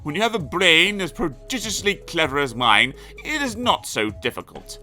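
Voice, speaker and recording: A man's voice: on the high side, very animated, moderate pace, sharp tone, soft background music, pitched above the performer's own voice, full character voice. A man putting on the Doctor, pompous and blustering. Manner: long-winded, grand and blustering. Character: pompous, excitable male Time Lord. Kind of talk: storybook reading.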